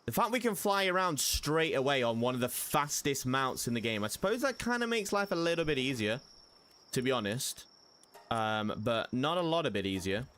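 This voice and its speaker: A man's voice: mid-range voice, big pitch swings, normal speed, fairly bright tone. A young man giving casual gameplay commentary as a streamer, chatty and prone to sudden panicked yelps. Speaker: gaming streamer.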